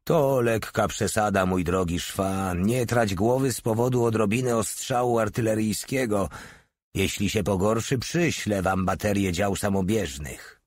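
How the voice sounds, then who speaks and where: A man voicing a senior colonel who answers with unshakable, condescending calm. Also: lowish voice, measured pace, no room sound, studio quality. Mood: dismissive. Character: unflappable senior male colonel.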